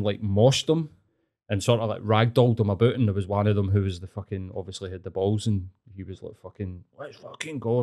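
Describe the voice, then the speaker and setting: Glasgow guy, proper street accent and slang, swears loads, just chatting and telling stories. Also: lowish voice. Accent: Glaswegian. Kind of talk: casual chat, telling anecdotes.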